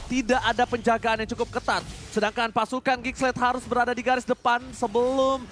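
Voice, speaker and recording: A man with an Indonesian accent calls live esports action as a fighting game announcer. His voice sits extremely high for a man, and he delivers plays with dramatic, excitable force. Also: fairly quick, a little hiss or hum. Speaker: esports play-by-play caster.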